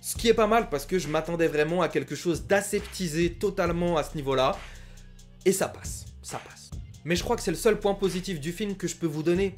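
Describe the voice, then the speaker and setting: A man's voice: high-pitched, a little fast, faint music behind. A young man giving a frank, critical film review in a casual talk, with many filler sounds.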